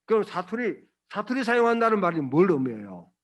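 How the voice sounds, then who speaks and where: A male pastor with a high, sing-song voice preaches a Sunday sermon fairly quickly. He is emphatic and colloquial, tossing in blunt asides and rhetorical questions to the congregation.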